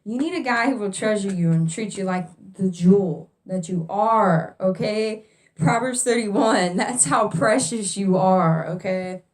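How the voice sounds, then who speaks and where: A woman's voice: mid-range voice, a little mellow. A young woman vlogging faith advice to single viewers, casual and direct, repeating her key points.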